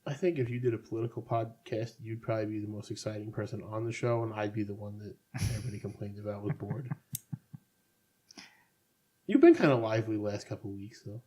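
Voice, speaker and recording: A man's voice: on the low side, quick pace, mellow. A man co-hosting a casual podcast, rambling with sardonic asides. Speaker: podcast co-host. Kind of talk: casual chat.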